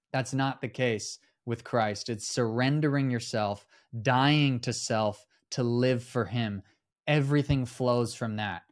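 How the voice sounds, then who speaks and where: Earnest male host teaching on faith, mid-pitched voice.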